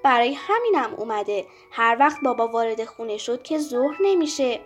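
A woman voicing a patient mother who calmly answers her little daughter in a children's story. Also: a little high, slight background noise, natural voice. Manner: calm, reassuring, gently firm. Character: patient mother of a small girl, gently firm.

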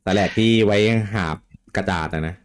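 A man's voice: low-pitched, normal speed. A man hosting a podcast, casual and joking, with frequent agreeing murmurs. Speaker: podcast host. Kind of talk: casual chat.

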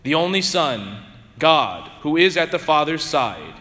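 Male priest, bright voice, slow and solemn liturgical delivery, ringing in cathedral echo. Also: fairly high pitch, sing-song, a little hiss or hum. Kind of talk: chanted liturgy, Gospel reading and homily. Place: large reverberant church. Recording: cathedral echo, long church reverb.

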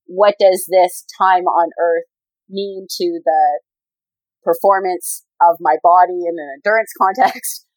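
A woman's voice: lowish voice, a little slow, no echo, rough recording. Chatty woman in her forties, dry sound. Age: 40s. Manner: chatty, rambling, many fillers and restarts. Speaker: professional triathlete and coach. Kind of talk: casual interview conversation.

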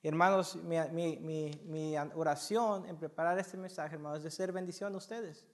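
Impassioned high-voiced male preacher. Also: fairly even intonation, normal speed. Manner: impassioned, repeats words, rising loudness, asks the audience questions. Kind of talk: sermon to a congregation.

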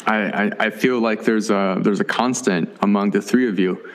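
Effusive low-voiced man hosting a chat. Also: fairly even intonation, normal speed. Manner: effusive, informal, repeats and rephrases as he reflects. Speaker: podcast host. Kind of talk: casual interview chat.

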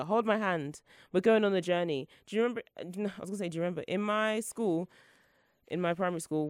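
A young woman hosts her own solo podcast, chatting in a rambling, playful, self-mocking way while her voice is congested from the flu. It's a lowish voice with no echo and studio quality.

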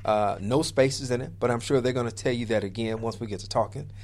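A man's voice: medium pitch, fairly quick, a little mellow. A man hosting a casual radio interview, often repeating words as he starts his phrases. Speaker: radio show host.

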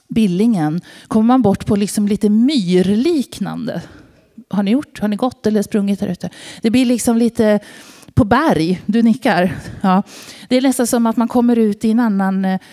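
A woman from Sweden preaches in a loose, conversational way, mixing scripture with stories from her own life. She keeps turning to the congregation with questions. Her voice sits at an ordinary middle pitch. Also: warm tone. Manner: conversational, asks the audience questions. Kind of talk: informal sermon with personal story.

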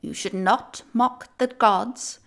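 A woman with an Irish accent voicing a stern old woman who speaks slowly and reprovingly. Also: fairly high pitch, vocal fry, a bit bright, pitched above the performer's own voice, exaggerated voice. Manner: slow, reproving.

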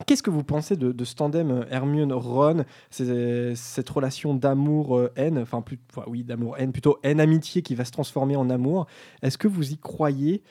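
Mellow man hosting a casual discussion. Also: medium pitch, steady tone, moderate pace. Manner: hesitant, many fillers, friendly. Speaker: discussion host.

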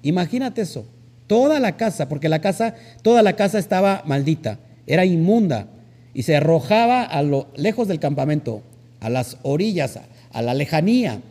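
A man preaching a sermon to his congregation, teaching with rhetorical questions and pausing often to find his words. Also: on the high side, sing-song, dark tone, big-room sound.

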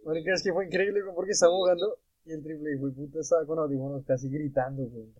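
High-voiced young man telling crude stories. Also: racing, no room sound, dull audio. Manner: animated crude storyteller, swears a lot. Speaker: podcast host. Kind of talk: casual podcast chat.

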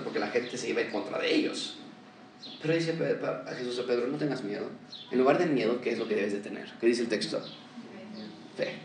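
A man's voice: mid-range voice, slight background noise. A man, preaching a sermon as a pastor, posing rhetorical questions and rising to fervent emphasis. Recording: echoey room, voice from a distance.

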